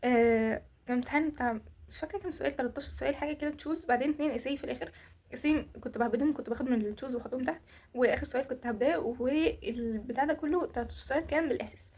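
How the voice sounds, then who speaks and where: A teenage Egyptian girl talks to her followers in a loose, rambling vlog, her voice sitting high and bright. She races through her words at a breakneck clip, stumbling, restarting and piling on fillers as she goes. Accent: Egyptian Arabic. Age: teens. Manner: rambling, candid storytelling with frequent restarts and fillers. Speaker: vlogger. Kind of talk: casual chat to camera.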